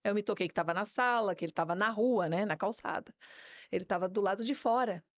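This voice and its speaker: This guest pastor, a woman with a medium-pitched voice, tells her faith story quickly and with lively flair, often ending phrases with a tag question. The recording sounds dry and lo-fi.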